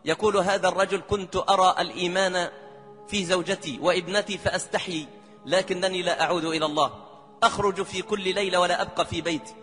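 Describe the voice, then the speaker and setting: A man's voice: high voice, a bit bright. A man preaching an emotional sermon as a story, often slipping into melodic chanting. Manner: dramatic, slides into melodic chanting of verses. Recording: long hall reverb with music behind.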